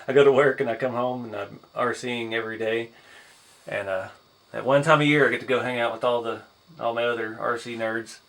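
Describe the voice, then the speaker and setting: A tired man who is losing his voice, hosting a casual one-take haul vlog in an easygoing, rambling way with frequent pauses and "uh"s. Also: medium pitch, vocal fry. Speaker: hobby channel host.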